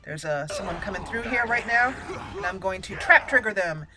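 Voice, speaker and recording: A woman hosts a gaming channel in an expressive, mid-range voice at a normal pace, thinking aloud while she gives casual play-by-play of each move. Game music runs in the background.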